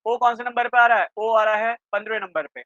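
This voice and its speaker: A man teaching a reasoning class for exam prep, quizzing students with quick questions and checking often that they follow. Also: sits high, steady tone, sharp tone, dry recording. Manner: keeps checking in with students, asking "clear?". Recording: dry, slightly dull lo-fi sound.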